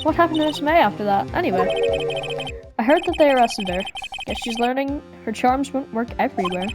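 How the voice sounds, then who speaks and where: Lady doing a solo game dub, high voice, goofy asides, music behind. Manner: jokey, stumbles and laughs at herself, does put-on voices. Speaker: fan dub reader voicing every character.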